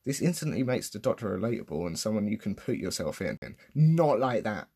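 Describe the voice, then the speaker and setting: A man's voice: fairly low pitch, lively intonation, fast talker, creaky, darkish tone, husky. A young man giving casual, unscripted commentary in a sarcastic, self-mocking and profane way. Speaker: vlogger.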